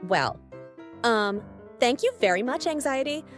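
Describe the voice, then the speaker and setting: A woman's voice: on the high side, lively intonation, a little slow, soft background music. A woman voicing Joy, a bubbly, sugary female emotion who gushes and stammers, in a fan comic dub. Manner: sweet, gushing, hesitant stammers.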